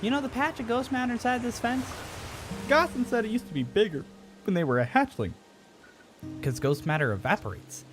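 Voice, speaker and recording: A man's voice: very high-pitched, expressive, brisk, music in the background, pitched above the performer's own voice. A man doing a chirpy alien kid. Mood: excited. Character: excitable young alien child, bubbly.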